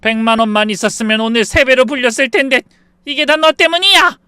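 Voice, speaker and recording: A man's voice: fairly high pitch, brisk, fairly bright tone, clean tone, no room sound, studio quality, lightly acted. A man voicing a drunk, furious older woman who screams insults at her daughter-in-law. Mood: drunk shrieking. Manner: shrieking, slurring insults.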